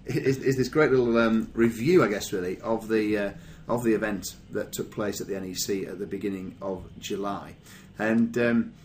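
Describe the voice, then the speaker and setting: A man's voice: on the low side, moderate pace, hardly any pauses, a little mellow, a little hiss or hum. A man hosting a business podcast in casual chat, rambling with many fillers. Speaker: podcast host.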